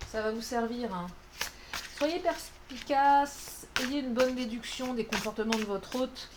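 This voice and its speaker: A woman's voice: fairly high pitch, measured pace, noisy background. A woman doing a casual, playful card reading, chatty and self-mocking with lots of fillers. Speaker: tarot card reader.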